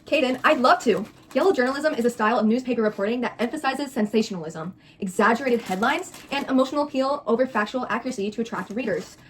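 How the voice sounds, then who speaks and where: Young female co-host, fast delivery, scripted explainer with playful mock-sweet banter, slight noise behind. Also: fairly high pitch. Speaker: co-host of a mukbang video.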